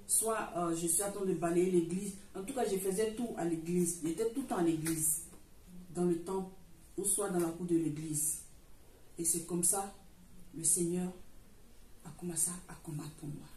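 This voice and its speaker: Speaking at a moderate pace with a steady tone, a middle-aged woman from Africa gives a church testimony in a mellow, dark voice on the low side. She tells her story earnestly, repeating herself and restarting sentences, picked up from a distance in a roomy, echoing hall with faint noise.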